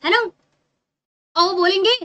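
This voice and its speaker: Woman teacher explaining grammar to kids, really high voice, keeps checking they follow. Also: takes it slowly, bright, forceful tone, dull audio. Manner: patient, repeats tag questions to check understanding. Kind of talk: English grammar lesson for children.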